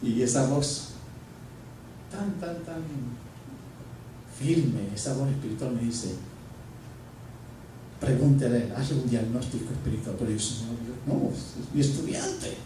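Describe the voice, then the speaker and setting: A man's voice: mid-range voice, a little slow, pauses often. A man, a pastor, telling a personal story in a sermon and acting out the dialogue. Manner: animated, acts out dialogue. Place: church. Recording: echoey church from a distance, faint noise.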